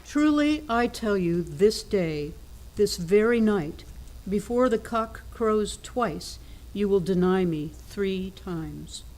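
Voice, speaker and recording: A woman's voice: medium pitch, animated, slow, darkish tone, low-quality recording. A woman delivering a formal gospel reading as a church reader. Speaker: scripture reader at a Good Friday service.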